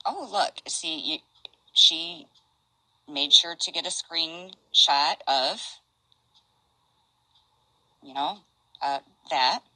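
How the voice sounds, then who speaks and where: An older woman casually chatting on a stream, reading out messages in a halting, rambling way. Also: low voice, pushed and bright, no room sound, rough recording. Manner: rambling, halting, restarts and asides.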